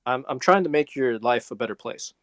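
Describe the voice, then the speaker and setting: A man co-hosting a casual podcast chat, with a dry, deadpan manner and rambling explanations. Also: medium pitch, brisk, no room sound. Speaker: podcast co-host.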